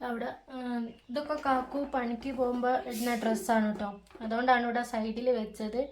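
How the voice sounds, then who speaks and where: A woman's voice: fairly high pitch, level tone, brisk, slight background noise. A young woman, chatting casually at home in a family vlog as she explains each step. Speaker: family vlogger, mother. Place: home, indoors.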